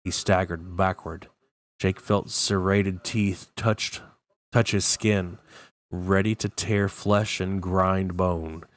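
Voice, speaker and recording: Low-voiced man reading a novel. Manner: plain narration with occasional self-corrections. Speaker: book club reader.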